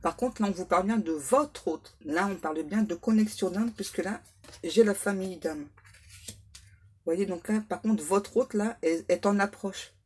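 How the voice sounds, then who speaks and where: A woman giving a spoken card reading as a medium, repeating herself with many fillers and clearing her throat often. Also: medium pitch, moderate pace, a little mellow. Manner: repetitive, filler-heavy, insistent. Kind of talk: spoken tarot guidance to viewers.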